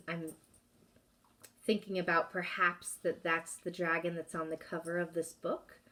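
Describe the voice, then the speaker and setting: A woman's voice: fairly low pitch, far from the mic. Woman teacher reading aloud expressively. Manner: expressive reading, pausing to ask questions. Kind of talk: reading a chapter book aloud to a class.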